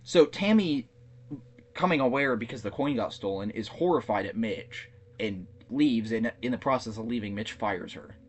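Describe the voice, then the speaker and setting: A man's voice: fairly low pitch, animated, moderate pace. A man co-hosting a podcast, casually recapping a movie plot with lots of fillers and restarts. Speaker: podcast co-host.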